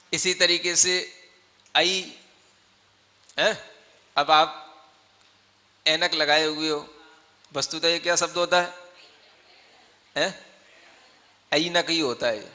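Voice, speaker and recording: Bright-voiced monk teaching in a reverberant hall. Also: male voice, on the high side, takes it slowly, long pauses. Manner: keeps asking the listeners if they follow; explains patiently with everyday examples. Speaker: Jain monk teaching scripture. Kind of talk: classroom-style scripture teaching.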